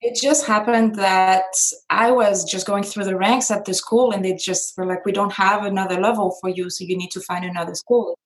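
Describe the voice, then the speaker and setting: A woman's voice: medium pitch, fairly even intonation, normal speed, rough recording. Woman. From France. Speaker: guest, former dancer and casting director. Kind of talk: casual interview chat.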